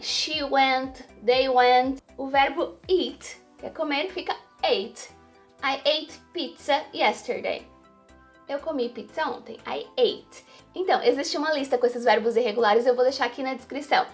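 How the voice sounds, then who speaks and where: High-voiced woman teaching English. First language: Portuguese. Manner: clear, patient explaining with slow model sentences. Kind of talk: online language lesson.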